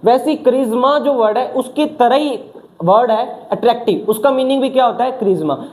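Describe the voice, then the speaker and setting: Very high-pitched guy teaching vocab, keeps asking questions then answering them himself. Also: moderate pace, a little mellow. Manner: mixes English words into his talk. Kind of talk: vocabulary class.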